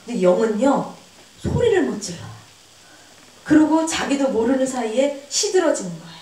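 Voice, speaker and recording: A woman, a pastor's wife, preaching a sermon at a church seminar with earnest emphasis, acting out quoted voices with sudden high pitch jumps. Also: sing-song, moderate pace, warm tone. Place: church hall. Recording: echoey church hall, voice from far off.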